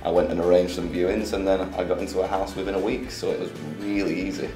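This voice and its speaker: A young man, chatting in a relaxed, upbeat way as an interviewee in a small office. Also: deep voice, quick pace. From England. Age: 20s. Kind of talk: casual interview chat. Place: small office studio, indoors. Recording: echoey room with light music.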